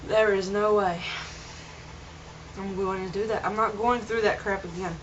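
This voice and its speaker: A woman's voice: medium pitch, steady tone, a little slow. Young woman rambling on her vlog, earnest, kinda muffled lo-fi camera sound, little bit of hiss. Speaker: vlogger. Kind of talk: casual vlog monologue. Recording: dull lo-fi home video.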